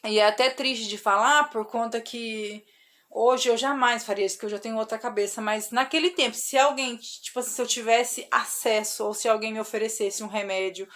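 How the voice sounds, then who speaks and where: A woman's voice: a little high, fairly bright tone. A young adult woman with a Brazilian accent, telling a personal story to her followers in an emotional, confiding way. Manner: emotional, confiding, many "né?" tags. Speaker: vlogger.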